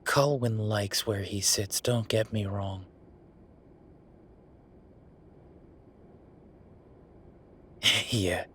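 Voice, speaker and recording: This roleplay audio drama has a man voicing an exasperated werewolf official who unloads on his partner, tired and sardonic, speaking conversationally with emphatic pauses. His fairly low voice is pushed, bright and slightly rough, and the acting is heavy.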